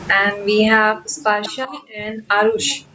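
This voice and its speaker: A woman's voice: mid-range voice, fairly even intonation, takes it slowly, pushed and bright, slight background noise, low-quality recording. A young woman from Kolkata with an Indian English accent, hosting a spoken English workshop over a video call in a chatty, encouraging way. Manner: encouraging, chatty, with fillers and restarts. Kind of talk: online class, casual teaching talk.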